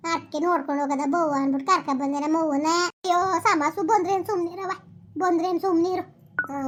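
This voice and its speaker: A woman's voice: high-pitched, close to an everyday voice. A woman acting as gossiping village women in a comedy skit, exclaiming often and repeating herself. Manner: chatty, exclaiming, repetitive village talk.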